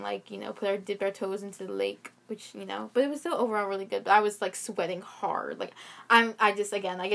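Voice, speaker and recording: A young woman chatting casually, rambling with lots of fillers and restarts as she co-hosts. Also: medium pitch. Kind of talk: casual chat.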